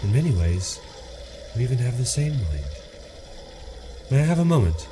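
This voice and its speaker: An actor playing a commanding, wry alien time-traveller in an audio drama, with an assured, theatrical delivery. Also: male voice, mid-range voice, very animated, moderate pace, dark tone, slight background noise, natural voice. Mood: measured, assured.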